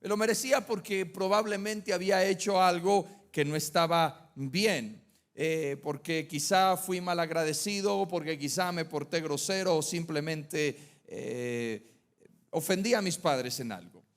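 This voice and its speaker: A man with a notably high voice delivers a sermon. He talks in a relaxed, chatty way, mixing light personal anecdotes with rhetorical questions to the congregation. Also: a little slow. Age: adult, married with children. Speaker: preacher.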